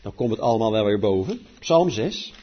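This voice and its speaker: A man preaching a sermon, declaiming scripture loudly and then dropping to quiet asides. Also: fairly low pitch, very animated, moderate pace, slightly rough. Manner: emphatic, swings between loud declaiming and quiet asides. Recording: dull lo-fi recording.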